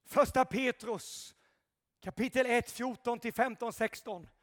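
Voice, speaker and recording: High-pitched fiery preacher. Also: male voice, in a large hall. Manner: shouting, impassioned, with dramatic drops to quiet. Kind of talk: fiery revival sermon.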